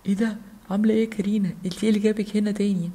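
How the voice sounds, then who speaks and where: A woman with an Egyptian Arabic accent voicing a wary, blunt boy toy doll in a lowered, hushed voice. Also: flat delivery, very fast, slightly rough, close to an everyday voice.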